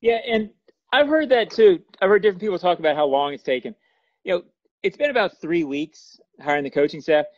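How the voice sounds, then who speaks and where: A man's voice: high voice, expressive, brisk, no room sound, muffled recording. A man on a football podcast, talking through coaching philosophy in a thoughtful, analytical way. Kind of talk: casual sports discussion.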